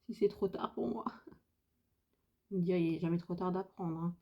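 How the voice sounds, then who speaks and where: A woman's voice: on the low side, normal speed, dull audio. A woman from France chatting casually through a makeup tutorial, hesitant and thinking aloud with lots of fillers. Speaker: beauty vlogger.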